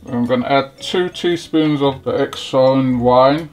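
A man hosting a home cooking video, talking slowly and haltingly through each step of a recipe in his kitchen. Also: mid-range voice, a little mellow. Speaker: cooking channel host. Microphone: off-camera, hands-only framing. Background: sizzling wok, faint music.

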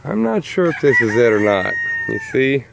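Here the chicken keeper's voice sits mid-range with a sing-song lilt, a moderate pace and a creaky quality, against a noisy background. Out in the backyard among his birds, he chats offhandedly for a home video, keeping his explanations plain.

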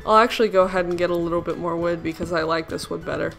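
A woman's voice: fairly low pitch, steady tone, racing, vocal fry, soft background music. A young woman hosting a casual Minecraft let's play, talking through her moves in a chatty, giggly way with playful little sound effects. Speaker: gaming channel host.

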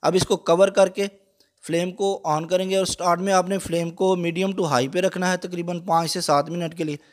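A man calmly explaining a recipe step by step, patient, with frequent small fillers. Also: high-pitched, moderate pace. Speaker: cooking channel host. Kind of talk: step-by-step cooking instruction.

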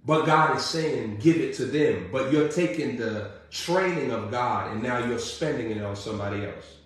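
A man's voice: normal speed, a bit bright. Preaching man in a very echoey room. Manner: rising to emphatic repeated questions, then dropping low. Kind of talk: sermon.

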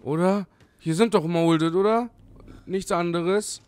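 A man's voice: sits high, takes it slowly, darkish tone, smooth. Jumpy young man playing a horror game. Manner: jumpy, scared, swearing, talks to the game. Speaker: let's play gamer.

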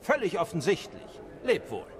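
An actor playing a haughty, condescending noble art snob in a fantasy game, pompous and disdainful. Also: male voice, high voice, wildly swooping pitch, normal speed, a crowd in the background.

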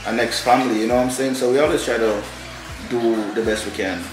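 A man in his thirties speaks to his viewers in a relaxed, playful way, often adding "you know what I'm saying". His voice is mid-pitched for a man. The room echoes, and music plays behind him. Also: fast talker. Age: 30s. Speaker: vlog co-host, father. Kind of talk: casual chat to camera. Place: indoor room in front of a lattice-patterned wall.

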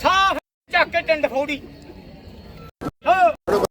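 Very high-voiced Punjabi man haggling theatrically. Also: slow, vocal fry, music in the background. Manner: theatrical, teasing, rhyming patter. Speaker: livestock market deal broker. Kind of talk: loud haggling banter at a market. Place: outdoors at a goat market. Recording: busy outdoor market crowd and vehicles.

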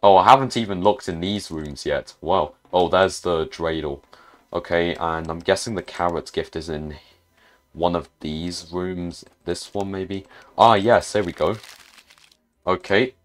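A man's voice: low-pitched, steady tone, measured pace. A man giving casual gameplay commentary as a gaming YouTuber, muttering hesitantly to himself with frequent restarts.

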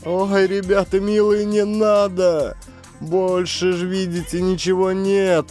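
A man voicing a frightened stout woman who runs a camp canteen, with a shrill pleading wail. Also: lively intonation, measured pace, darkish tone, faint music behind.

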